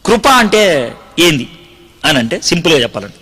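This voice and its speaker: Lively high-voiced preacher. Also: male voice, normal speed. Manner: lively, acts out dialogue in story. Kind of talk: sermon with storytelling.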